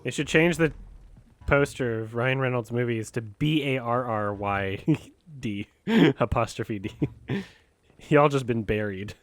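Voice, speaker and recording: A man giving casual, joking gameplay commentary as a host, excitable and quick to swear. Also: mid-range voice. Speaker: gaming show host and player.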